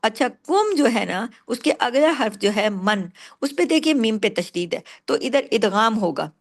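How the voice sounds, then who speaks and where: A woman gives a tajweed lesson. She explains each rule patiently, asking and answering her own questions. She slows right down when reciting words. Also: on the high side, expressive. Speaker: Quran recitation teacher.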